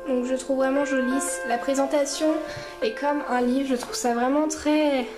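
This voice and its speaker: A woman's voice: high voice, steady tone, moderate pace, echoey room, over music, low-quality recording. A woman beauty vlogger reviewing a makeup kit in a rambling, chatty way, talking straight to her viewers. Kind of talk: casual makeup review and tutorial.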